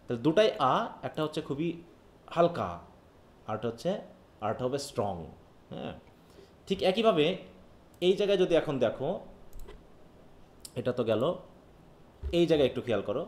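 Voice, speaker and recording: Teaching phonetics live online, this Bangladeshi man speaks in a slightly high, very animated voice at normal speed, pausing often. Patient in his explanations, he frequently checks students are keeping up. The echoey room adds slight background noise.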